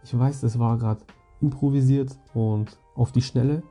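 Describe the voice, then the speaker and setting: A man's voice: mid-range voice, steady tone, unhurried, mellow, soft background music. A young man hosting a podcast alone, telling stories casually in slang. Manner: slangy, rambling, addresses listeners directly. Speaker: podcast host. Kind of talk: casual storytelling monologue.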